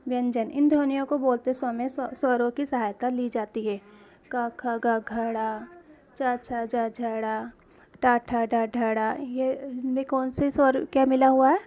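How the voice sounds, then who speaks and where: A woman's voice: fairly high pitch, level tone, slow, a little mellow, lo-fi sound. A woman teaching a grade-school grammar lesson, asking questions and answering them herself, spelling out sounds one by one.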